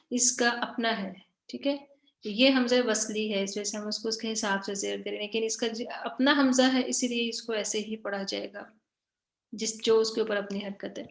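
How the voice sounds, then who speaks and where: A woman teaching Quranic grammar in an online lesson. She explains her slides, often repeats her points and checks in with "theek hai", and reads the example words slowly and drawn out. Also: a little high, steady tone, creaky, roomy sound.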